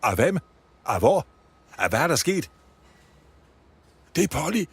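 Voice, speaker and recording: A man's voice: a little high, animated, a bit bright, breathy edge, no echo, pitched above the performer's own voice. A man voicing an earnest, anxious young boy in a raised, urgent, fretful voice for a storybook reading. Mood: panicked.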